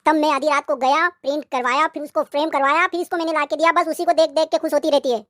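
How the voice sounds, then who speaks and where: A woman plays a put-upon young husband in a cartoon, explaining in a rush. The voice is high. It is dry and close. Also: fairly even intonation, fast talker, fairly bright tone, no room sound.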